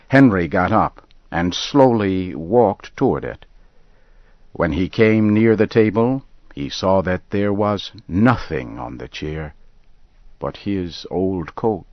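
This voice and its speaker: A man narrates a story slowly and calmly, each sentence measured and clear. His voice sits very low and unhurried, recorded close and dry, with a slightly muffled, dull sound. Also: no room sound. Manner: calm and measured. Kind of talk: slow scripted story narration for learners.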